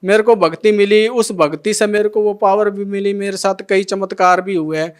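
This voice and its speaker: A man's voice: high-pitched, steady tone, moderate pace, smooth. A middle-aged man emotionally telling his testimony as a devotee, acting out the dialogue of each scene. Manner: retells scenes by acting out every line of dialogue.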